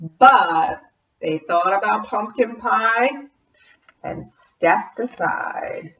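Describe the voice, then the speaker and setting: Slow, expressive woman reading aloud. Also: medium pitch. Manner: expressive read-aloud, leaning on repetition. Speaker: storyteller. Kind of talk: reading a picture book aloud. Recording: roomy, distant, dull sound.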